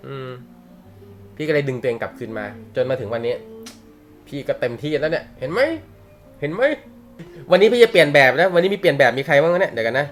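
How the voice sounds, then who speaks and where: Quick-paced and expressive, his voice is on the high side and a bit bright, with frequent pauses and soft music behind him. The young man is teaching a manga class in a loose, joking style, laughing often, using slang, and swearing.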